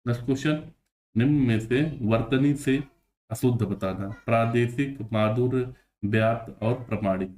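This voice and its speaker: A man teaching Hindi spelling for an exam, explaining each answer patiently and repeating words slowly, sometimes stretching them out syllable by syllable. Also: mid-range voice, a little mellow. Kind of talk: exam-prep spelling lesson.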